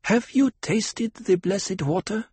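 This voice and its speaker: A man's voice: sits high, animated, darkish tone, husky, pitched above the performer's own voice, heavily acted. A man doing a young girl priestess. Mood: formal. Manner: slow, formal, ceremonial questions. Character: young girl priestess, earnest, slightly unsure. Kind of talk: audiobook character voice.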